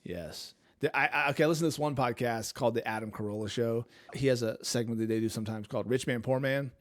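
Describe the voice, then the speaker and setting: A man's voice: mid-range voice, fast talker. A man hosting a casual movie trivia game with his brother, talking playfully and quoting lines. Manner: playful, quotes lines in put-on voices. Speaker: host. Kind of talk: casual chat, quiz hosting.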